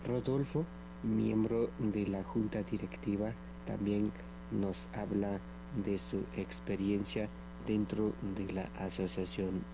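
A man reporting for a community radio news program, measured and flat. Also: lowish voice, background noise. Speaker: field reporter.

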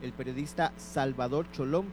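A man's voice: medium pitch, fairly even intonation, normal speed. Man, radio news anchor, formal announcing, audible background noise.

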